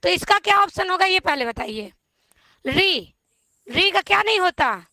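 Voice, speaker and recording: A woman teacher going through exam questions slowly, repeating each option and asking viewers to answer before giving it. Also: very high voice, big pitch swings, sharp tone, dry recording. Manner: slow, repetitive quizzing of viewers. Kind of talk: exam-prep lesson on Hindi grammar.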